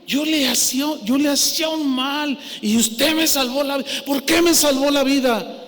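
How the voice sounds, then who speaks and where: A woman's voice: high voice, animated, slow, fairly bright tone, pitched above the performer's own voice, exaggerated voice. A preacher putting on a tearful old woman. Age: older. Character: tearful elderly woman neighbor, remorseful. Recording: echoey hall, faint noise.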